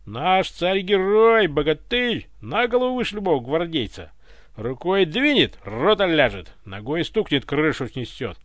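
Man voicing a brash rough palace guard. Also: on the high side, sing-song, unhurried, a bit bright, no echo, pitched above the performer's own voice. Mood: swaggering. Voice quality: rough, coarse. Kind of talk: audiobook character voice.

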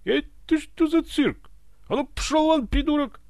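A shrill young man bellows in outrage, his voice climbing far above its usual level and swinging wildly in pitch, as a male narrator puts him on. He sounds startled and indignant, with a gravelly edge under the shouting, read for an audiobook. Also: wildly swooping pitch, fairly quick, no echo, clean studio sound, heavily acted. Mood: yelling outraged. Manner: loud shouting, high strained voice. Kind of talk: audiobook character voice.

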